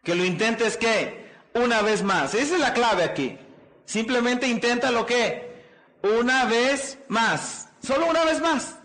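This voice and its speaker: High-voiced man giving a rousing sermon-like talk. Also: animated, slow pace, a bit bright. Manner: preachy call-and-response, asks the crowd "¿qué?" and "¿verdad?"; repetitive rousing delivery. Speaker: motivational speaker. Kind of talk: motivational seminar talk.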